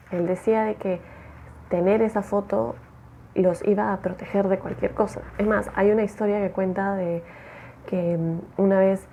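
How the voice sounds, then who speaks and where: A woman telling a true-crime story in a chatty, expressive way, acting out the quotes. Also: mid-range voice, creaky, a little hiss or hum.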